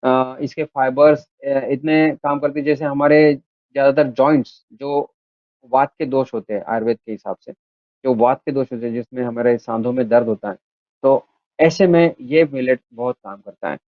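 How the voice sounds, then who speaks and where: A man's voice: medium pitch, normal speed, no echo. A man giving a health talk on millets, explaining step by step and listing items with frequent hesitations. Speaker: health educator. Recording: dry, phone-like narrow sound.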